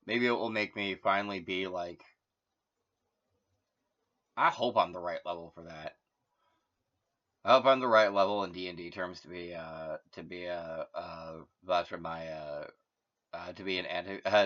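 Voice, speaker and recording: A man's voice: sits low, steady tone, normal speed, long pauses, a bit bright. A man hosting his own channel, talking in a meandering, casual solo monologue full of fillers and self-corrections. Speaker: host. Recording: dull lo-fi recording.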